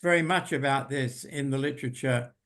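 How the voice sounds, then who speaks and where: An older man giving an unhurried, thoughtful talk over a video call, pausing often with ums. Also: mid-range voice, a bit bright. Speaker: invited presenter. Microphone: video call computer mic.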